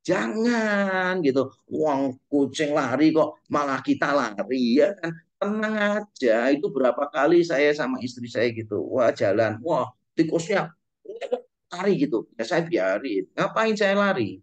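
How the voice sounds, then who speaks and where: A man's voice: a little high, expressive, a little slow. A middle-aged man gives a humorous parenting talk, telling jokes and acting out parents and children. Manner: jokey storytelling, acts out quoted parents and kids. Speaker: parenting webinar speaker.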